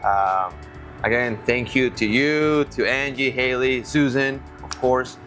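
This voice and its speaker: A man's voice: mid-range voice, fairly even intonation, slow pace, fairly bright tone. Man, friendly, casual chat, faint background music. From Venezuela. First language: Spanish. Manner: friendly, easygoing, repeats words while thinking. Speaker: co-host.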